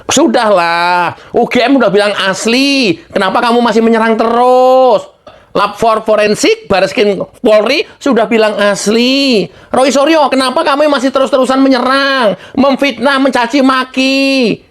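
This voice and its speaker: A woman's voice: on the high side, moderate pace. A woman giving a heated political rant, exasperated and scolding, firing off rhetorical questions.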